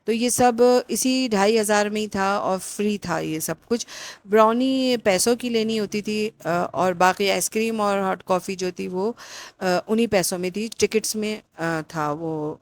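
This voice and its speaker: A middle-aged woman narrating a family outing in a casual, rambling vlog with many fillers. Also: mid-range voice. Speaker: vlogger.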